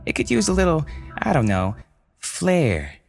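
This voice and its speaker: A man's voice: mid-range voice, lively intonation, extremely slow, fairly bright tone, breathy edge, faint music behind, pitched above the performer's own voice, heavily acted. A man voicing a middle-aged suburban mother who taunts her captor with wry defiance. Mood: defiant wry. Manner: wry, taunting, hesitant at first.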